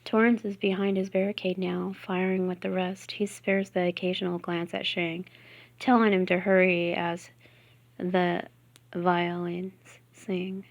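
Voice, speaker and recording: A woman reading a novel aloud, softly and often half-whispered. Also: lowish voice, little pitch movement, unhurried. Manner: soft, half-whispered reading with giggles at slips. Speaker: reader.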